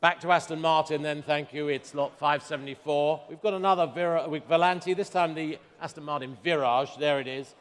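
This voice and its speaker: A man's voice: fairly high pitch, steady tone, brisk, hardly any pauses. A man working as a fine art auctioneer, calling bids to a saleroom and repeating figures in clipped phrases. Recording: reverberant large hall.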